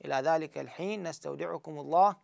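A man with an Iraqi Arabic accent giving a tajweed lesson, explaining step by step and slowly drawing out the recited examples. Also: on the high side, gravelly, darkish tone, dry recording. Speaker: Quran recitation teacher.

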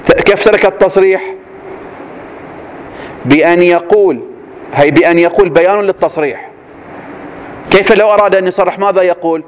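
A male teacher with a somewhat high-pitched voice lectures in a classroom. He reads each passage slowly, then breaks it down with quick questions to his students. A faint hum sits behind him.

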